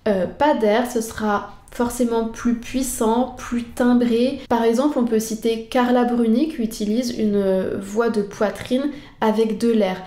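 A woman's voice: on the high side, dark tone, roomy sound. A woman singing teacher patiently explaining vocal technique straight to the viewer.

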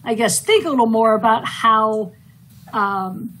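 A woman speaking reflectively in a committee video call discussion, halting and restarting as she thinks. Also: a little high, a bit bright, a little hiss or hum, rough recording. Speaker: committee member.

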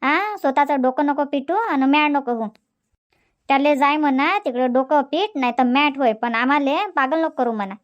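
A woman's voice: high-pitched, normal speed, lo-fi sound, close to an everyday voice. A woman voicing a fiery, sympathetic village neighbour in a cartoon comedy, emphatic and indignant.

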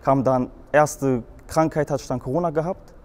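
A young adult man from Frankfurt, Germany, speaks with a light Hessian accent as a guest in a show video, telling his life story. His account rambles, packed with fillers and restarts. His pitch is middling, his intonation fairly even, and his pace moderate.

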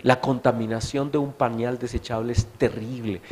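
A man's voice: mid-range voice, fairly even intonation, moderate pace, darkish tone. A middle-aged Colombian man preaching a sermon in a church meeting hall, telling stories in a chatty way and asking the audience questions. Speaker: pastor.

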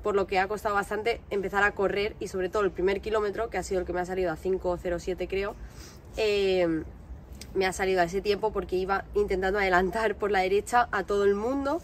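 A woman's voice: mid-range voice, fairly even intonation, fast talker, a little hiss or hum. A woman in her twenties with a Spanish accent from Spain, giving a casual recap to a camera outdoors. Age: 20s. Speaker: vlogger and amateur runner. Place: outdoors by parked cars on a street.

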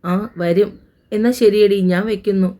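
A woman's voice: medium pitch, steady tone, moderate pace, warm tone, natural voice. A woman voicing a spirited, affectionate young nurse in a romance audio story.

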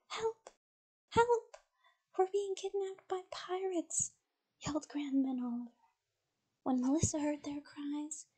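A woman's voice: high voice, rough recording. A woman reading a children's picture book aloud as a whispered bedtime story. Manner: soft, mostly whispered.

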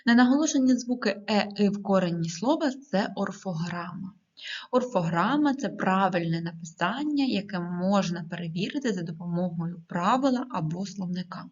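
A woman teacher explaining a lesson calmly, with hesitating fillers. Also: medium pitch, a little fast, dull audio. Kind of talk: recorded online lesson.

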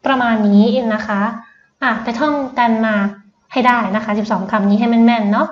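A woman's voice: a little high, steady tone, echoey room, dull audio. A woman English tutor with a Thai accent, teaching children vocabulary patiently and repeating each word. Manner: patient, repeats words slowly. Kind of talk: slow vocabulary lesson for children.

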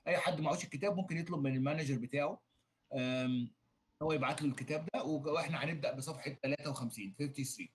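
A man's voice: a little high, racing, a little hiss or hum. A man with an Egyptian Arabic accent, a native Arabic speaker, giving an online English lecture over a video call, explaining each point and repeating it in Arabic. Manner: explains, then repeats in Arabic, many fillers. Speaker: English teacher.

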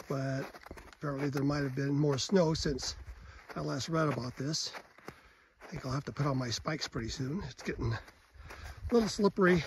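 An older man narrating his own winter hike in a relaxed, plain way, recorded outdoors on a phone held at arm's length. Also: mid-range voice, a little hiss or hum. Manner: relaxed, plain, with fillers and pauses while hiking. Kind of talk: casual narration while walking. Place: outdoors on a snowy mountain trail. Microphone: phone camera held at arm's length.

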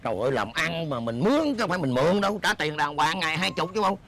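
A fast-talking, high-pitched husband with a gravelly edge, as a man acts him out bickers and scolds. He plays a scheming beggar in a stage comedy sketch. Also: animated, fairly bright tone, slight background noise. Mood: scolding. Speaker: comic actor.

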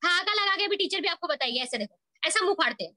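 A woman's voice: very high voice, animated, quick pace, bright, forceful tone, no echo. A woman teaching a school Hindi lesson over a video call, asking questions and answering them herself while coaxing her students. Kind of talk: online class lesson.

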